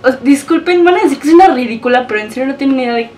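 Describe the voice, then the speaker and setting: A woman's voice: high-pitched, animated, very fast, a little mellow, distant mic, slight background noise, poor audio. A young woman with a Mexican accent, gushing and emotional as she unboxes a package for her vlog. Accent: Mexican Spanish. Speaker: beauty vlogger.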